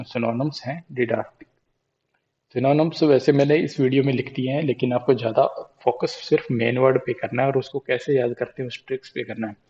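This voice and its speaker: A man with an Indian accent teaching a vocabulary lesson, repeating mnemonic phrases slowly to drill them in. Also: medium pitch, a little mellow, lo-fi sound. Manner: slow repetitive drilling of mnemonics.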